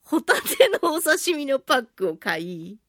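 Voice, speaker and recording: Clean studio audio with no echo captures a woman's high voice, moving a little slowly. A voice actress and talk radio host, she recounts a personal anecdote casually and playfully, chatting animatedly and poking fun at herself.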